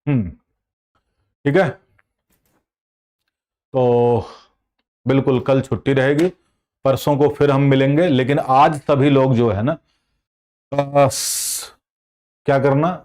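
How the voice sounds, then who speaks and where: A man's voice: mid-range voice, steady tone, takes it slowly, long pauses, a little mellow, clean tone. A man teaching an online exam-prep class. He explains patiently, asks the class questions and then answers them himself. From India. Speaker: Hindi teacher.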